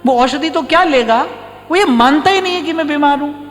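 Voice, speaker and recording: Male spiritual teacher, high voice, storytelling sermon in a reverberant hall with soft music. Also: brisk. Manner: storytelling, acts out short dialogues. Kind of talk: devotional discourse. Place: ashram hall.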